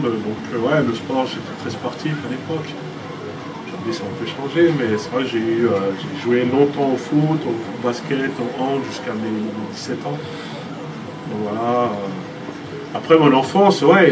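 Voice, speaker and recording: A man in his thirties from France, answering interview questions casually with many fillers and restarts. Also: mid-range voice. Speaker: filmmaker interviewee. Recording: distant mic with air-conditioning hum.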